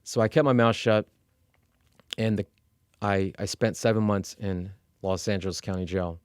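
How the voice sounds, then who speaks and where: A middle-aged man from Iran, working as an executive coach, telling his life story as a guest in a candid, measured way, with fillers and restarts. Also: lowish voice, fairly even intonation, smooth, no room sound, studio quality. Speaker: interview guest.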